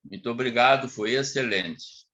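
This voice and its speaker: A man's voice: mid-range voice, normal speed, fairly bright tone. A man from Brazil on a video call in a study group, talking hesitantly with many restarts. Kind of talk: casual online group discussion. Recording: dull, very echoey video call audio.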